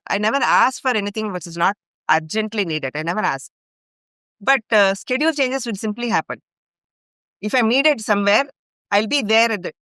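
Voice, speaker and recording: Her voice is mid-range, bright, and forceful, with a clean tone and no echo. She is a middle-aged Indian woman raised in Bhopal, speaking Indian-accented English as a podcast guest who has long volunteered at an ashram. Earnest throughout, she tells a long personal story as an extended chain of events, using many fillers.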